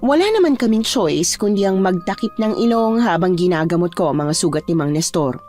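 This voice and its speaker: A woman narrating a true horror story in first person in a hushed, measured way over faint music. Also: fairly low pitch, lively intonation.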